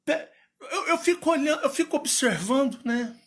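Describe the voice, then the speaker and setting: A man from Minas Gerais with a Minas Gerais accent, hosting a casual chat in an animated, playful, rambling way. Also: extremely high pitch, moderate pace. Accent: Minas Gerais Portuguese. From Minas Gerais, Brazil. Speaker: channel host.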